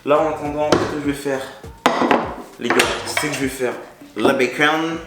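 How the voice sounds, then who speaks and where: A man's voice: on the high side, little pitch movement, moderate pace. Joking man in an echoey kitchen. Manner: joking, chatty, slangy, talks straight to the viewer. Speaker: cooking video host. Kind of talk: casual cooking vlog. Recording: echoey room with loud background music. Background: loud background music.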